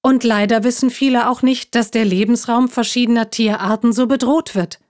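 A woman's voice: on the high side, steady tone, moderate pace, darkish tone, pitched above the performer's own voice, lightly acted. A woman voicing a proud, cheeky little male hedgehog in a children's story, in a lifted voice. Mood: proud explaining.

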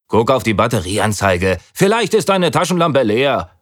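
A man voicing an adult hiking guide who gives brisk orders to a school class, in a children's story reading. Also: mid-range voice, sing-song, dry recording, clean studio sound, pitched above the performer's own voice. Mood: instructing.

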